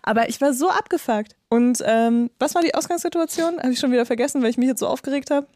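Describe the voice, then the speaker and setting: A woman in her thirties co-hosting a podcast, telling a story in animated casual chat and swearing freely. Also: high voice, fast, dry recording, studio quality. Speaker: podcast co-host.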